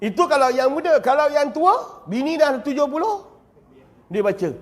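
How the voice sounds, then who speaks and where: A man with a Malaysian Malay accent teaching a lively, joking religious lecture in a mosque. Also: very high-pitched, normal speed. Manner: lively, joking, with acted-out examples. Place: mosque prayer hall. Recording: long reverb of a mosque hall.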